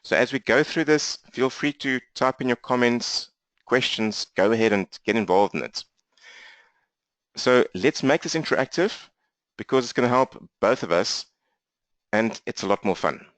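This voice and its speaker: A man with a strong South African accent runs an online training session, talking fast and with lots of energy. His voice sits at an ordinary middle pitch, and the laptop recording sounds close and dry. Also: lively intonation, a bit bright, no room sound. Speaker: business coach for accountants. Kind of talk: live online training webinar. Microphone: laptop mic.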